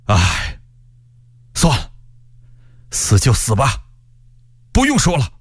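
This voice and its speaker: A man's voice: lowish voice, wildly swooping pitch, unhurried, no room sound, studio quality, exaggerated voice. A male storyteller voicing a captured male rebel messenger who sighs and speaks with scorn, resigned to death. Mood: defiant.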